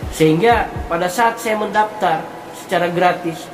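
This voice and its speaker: A man explaining something to viewers in a monologue, speaking deliberately in halting phrases and repeating words for emphasis. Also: high voice. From Indonesia. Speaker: online content creator. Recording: roomy echo with music behind. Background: music.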